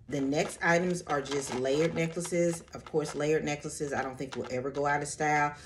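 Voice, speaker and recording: A woman's voice: a bass voice, a little hiss or hum. Woman vlogger, upbeat casual haul chatter, keeps saying so good and love this. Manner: chatty, addresses viewers as ladies; enthusiastic, repeats so good and love this. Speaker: fashion vlogger.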